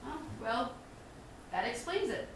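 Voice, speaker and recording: A calm, measured partner. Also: female voice, on the high side, full character voice. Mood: earnest. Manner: measured, reflective. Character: calm thoughtful partner of the daughter, outsider at dinner. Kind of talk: film drama dialogue. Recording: roomy distant mic, faint hiss.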